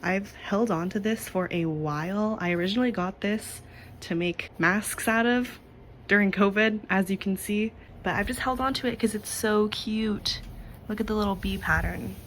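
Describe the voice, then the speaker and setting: A woman's voice: mid-range voice, moderate pace, a bit bright, a little hiss or hum. A young adult woman chatting casually at home as she walks through a sewing project, with a self-deprecating, easygoing manner. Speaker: crafting vlogger. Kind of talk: casual sewing tutorial chat.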